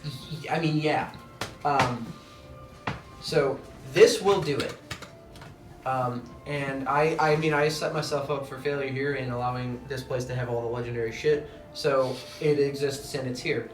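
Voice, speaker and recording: Halting male game master in an echoey room. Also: medium pitch, steady tone, distant mic. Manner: halting, thinking aloud. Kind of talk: unscripted tabletop game narration. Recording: echoey room, off mic, music behind.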